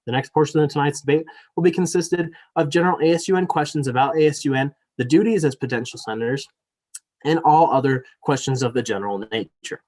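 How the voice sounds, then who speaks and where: A man's voice: on the high side, fast, a little mellow. Young man moderating a virtual student debate. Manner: apologetic and chatty, many fillers, then reads rules formally. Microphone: video call.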